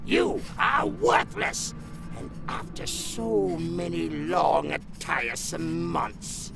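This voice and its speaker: A man playing a volatile, sadistic villain taskmaster with a gravelly voice and florid, theatrical taunts. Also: a little high, very animated, slow pace, music in the background, exaggerated voice. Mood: menacing taunting. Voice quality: gravelly, creaky. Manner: florid, taunting, shrieking outbursts. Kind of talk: dramatic villain acting. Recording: heavy background noise.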